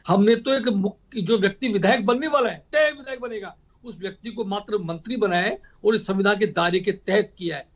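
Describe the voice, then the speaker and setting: A man arguing as a party spokesperson in a heated TV debate, forceful and repetitive. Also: sits high, a little fast, few pauses, muffled recording. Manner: forceful, repetitive rhetorical speech.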